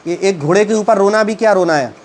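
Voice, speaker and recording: A man teaching a story: he reads English lines slowly, then retells and explains them at a halting pace with many fillers. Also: high-pitched, slight background noise.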